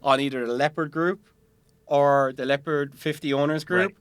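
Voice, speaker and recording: A man's voice: fairly high pitch, normal speed, smooth, no echo. A man, a boat owner, chatting casually on a podcast, rambling with many fillers and restarts.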